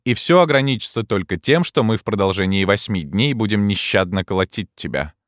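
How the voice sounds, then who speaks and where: A man's voice: fairly low pitch, animated, brisk, no room sound, studio quality, natural voice. A man voicing a bossy, mocking male king of vagabonds who gives orders with scorn. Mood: commanding. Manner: commanding, scornful.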